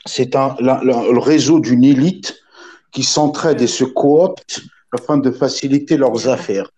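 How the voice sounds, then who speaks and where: Husky man explaining in halting phrases. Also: medium pitch, mellow. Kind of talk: explaining and questioning in a casual debate.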